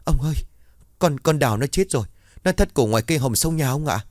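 A frantic young servant girl, as a male storyteller puts her on, shrill, fast and breathless, in a dry close recording. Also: lively intonation, darkish tone, husky, no room sound. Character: panicked young female servant.

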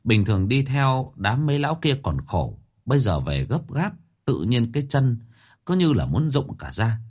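A man's voice: mid-range voice, big pitch swings, normal speed, darkish tone, slightly rough. A man narrating a ghost story in a colloquial, wry storytelling manner.

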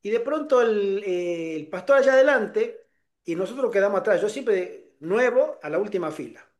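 A man with a high voice delivers a sermon in an animated storytelling manner, acting out the voices of the people in his story. His pitch stays notably high as he preaches. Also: moderate pace. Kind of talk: sermon with personal anecdote.

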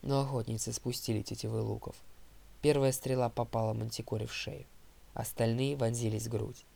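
A male audiobook narrator telling the story in a steady first-person voice. His tone is gravelly and creaky. The pitch sits in the middle of the male range. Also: a little fast.

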